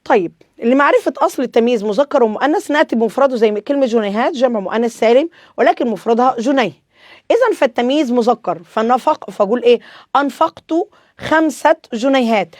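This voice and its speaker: A woman's voice: on the high side, no room sound, clean studio sound. A woman with an Egyptian accent teaching an Arabic grammar lesson, asking questions and answering them herself, repeating the rules.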